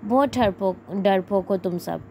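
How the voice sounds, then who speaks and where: A woman's voice: mid-range voice, unhurried, creaky, darkish tone, a little hiss or hum. A woman voicing a boastful young man who mocks his brothers as cowards, in a cocky, needling manner. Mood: scoffing. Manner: mocking, cocky.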